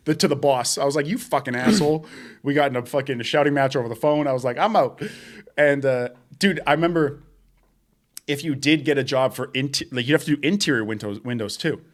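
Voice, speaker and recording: A man's voice: medium pitch, fast talker. Swearing young man telling stories. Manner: swears a lot, laughs while telling stories. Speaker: podcast co-host. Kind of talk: casual chat.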